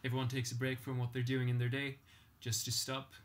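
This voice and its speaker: A man student from Sweden, a Swedish native speaker, chatting in a relaxed, amused way. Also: mid-range voice, fairly quick. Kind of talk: casual panel chat.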